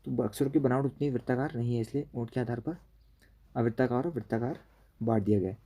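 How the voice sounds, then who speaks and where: A man's voice: medium pitch, fast talker, warm tone. A man teaching an exam-prep grammar lesson, explaining step by step and checking in with "okay" after each point.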